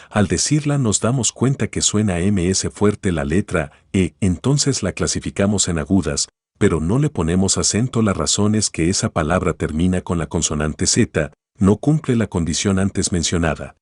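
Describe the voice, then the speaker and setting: Deep husky male teacher, dry sound. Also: dry recording. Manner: calm, explanatory, guides listener through an imagined story. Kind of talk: spoken grammar lesson.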